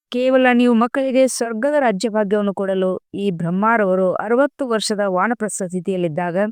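A woman reading a devotional spiritual discourse aloud in a slow, measured recitation with emphatic pauses. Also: medium pitch, a little mellow, clean tone, no room sound, studio quality. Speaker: murli reader.

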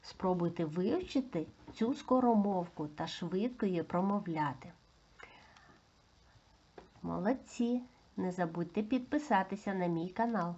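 Woman teacher for a preschool phonics lesson: very slow, patient delivery, sings out vowels, slightly dull recording. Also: fairly low pitch, darkish tone. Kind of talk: slow, deliberate phonics lesson for small children.

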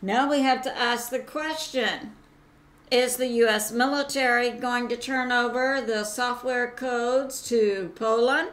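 A woman hosts her own commentary channel and talks through the news alone. Her delivery is slow and halting, full of fillers and mid-sentence corrections. Her voice sits somewhat high for a woman. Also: fairly even intonation, a bit bright. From United States. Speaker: channel host.

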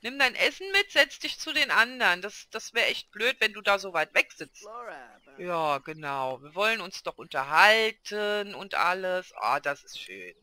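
A woman's voice: mid-range voice, animated, moderate pace, pushed and bright. A woman casually commenting on her own gameplay, chatty and coaxing, talking to her game characters like children. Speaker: let's play gamer.

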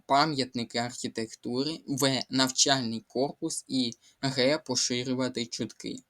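A man's voice: medium pitch, fairly bright tone. A man tutoring for an exam, walking through test answers methodically and repeating key words and rules. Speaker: Ukrainian language tutor. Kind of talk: exam walkthrough lesson.

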